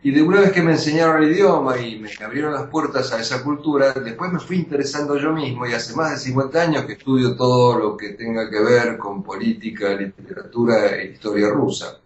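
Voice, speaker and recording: An older man with an Argentine Spanish accent speaks in an emphatic, measured way, often pausing and restarting. His voice sits at a middle pitch. The recording is roomy and dull, with a faint rumble behind him. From born in Austria to Russian parents. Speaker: journalist, interview guest. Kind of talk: interview answers.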